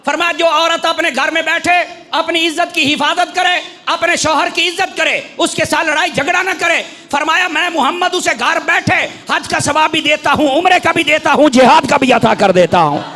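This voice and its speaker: A man with a Punjabi accent preaching a fiery sermon, shouting his points with emphasis. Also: extremely high pitch, hardly any pauses. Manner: shouting, emphatic, mixes in folk sayings.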